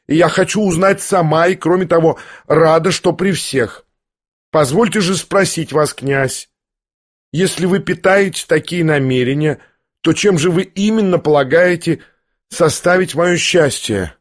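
A man's voice: a little high, measured pace, pitched above the performer's own voice. A man voicing a proud young noblewoman who questions sharply and mockingly. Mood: haughty. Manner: imperious, pointed questioning.

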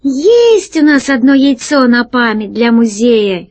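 A woman doing a sharp-tongued rat pirate captain. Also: on the high side, sing-song, takes it slowly, no room sound, voice pushed up, full character voice. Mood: grumbling, wary. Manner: curt, grumbling, louder than the narration. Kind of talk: storybook reading.

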